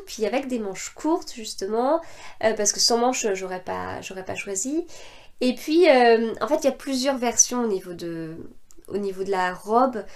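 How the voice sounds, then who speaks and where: A woman in her thirties or forties from France, chatting casually about her sewing projects with many hesitations and restarts. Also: fairly high pitch. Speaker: sewing podcaster.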